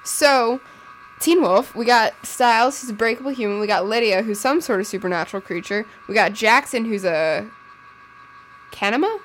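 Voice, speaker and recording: A woman's voice: on the high side, expressive, a bit bright, poor audio. A young woman co-hosting a podcast, gushing and joking as she chats casually about TV shows. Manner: bubbly, gushing, quick to joke. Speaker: podcast co-host. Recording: faint background noise.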